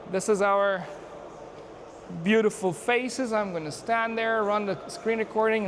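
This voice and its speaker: A man from Afghanistan vlogging outdoors at a busy conference on a handheld mic, chatting casually and narrating what he does. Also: high voice. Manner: chatty, self-narrating, quick asides and laughs. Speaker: YouTuber and software engineer. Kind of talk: casual on-the-street vlog chat. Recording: noisy outdoor ambience.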